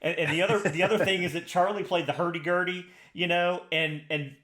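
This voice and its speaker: Pitched high with a steady, fairly bright tone, this man speaks briskly as a podcast co-host. His chat is casual and enthusiastic but rambling, full of restarts, and the space sounds echoey.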